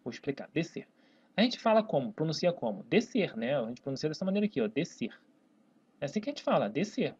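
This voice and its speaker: At the whiteboard, a Brazilian-accented Portuguese teacher runs a grammar lesson, drawing words out syllable by syllable and checking in often with "né?" and "tá, pessoal?". The voice is medium-pitched, sing-song and fast, somewhat mellow with a breathy edge. The recording sounds dull and lo-fi.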